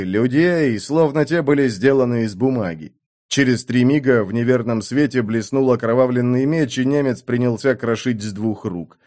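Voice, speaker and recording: Male audiobook narrator, expressive and vivid. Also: mid-range voice. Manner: vivid, expressive reading of action.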